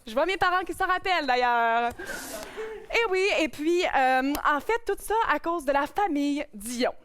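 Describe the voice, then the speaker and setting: A young woman with a Québécois French accent opens a live cabaret show with a stand-up monologue. Her voice sits high, and her delivery is playful and self-mocking as she addresses the audience from the stage. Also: animated, moderate pace, fairly bright tone. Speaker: host.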